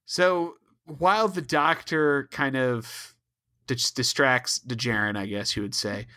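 Male co-host, bright forward tone, dry mic, deadpan sarcasm. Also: mid-range voice, slow pace, no echo. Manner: wry, sarcastic, deadpan asides. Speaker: podcast co-host. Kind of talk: casual chat recapping a TV episode.

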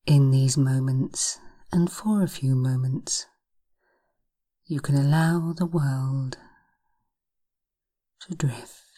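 Woman, soft spa whisper, low pitch, very slow, hushed and breathy, guided hypnosis, long pauses. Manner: soothing, drawn-out phrases with long pauses. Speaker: hypnotherapist podcast host.

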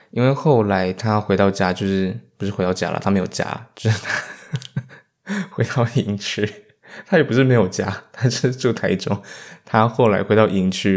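A man's voice: on the low side, darkish tone. A young man with a Taiwanese Mandarin accent telling a story in a casual, self-mocking podcast monologue, acting out the lines of the people in it. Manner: chatty, self-mocking, acts out quoted dialogue. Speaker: podcast host.

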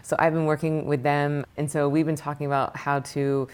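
A woman meditation teacher and author answering interview questions, rattling off lists of questions in an animated way. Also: sits low, moderate pace, clear, resonant tone.

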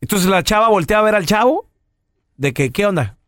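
A man with a Mexican accent hosting a radio show, telling a story with lively acted-out quotes. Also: high-pitched, brisk, dry recording, clean studio sound. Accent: Mexican Spanish. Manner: animated storytelling, acting out quotes. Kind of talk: casual radio chat.

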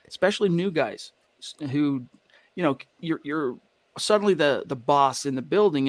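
A man's voice: on the high side, no room sound. American man hosting emphatic sports talk, dry sound. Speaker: sports livestream host. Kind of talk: casual sports talk and commentary.

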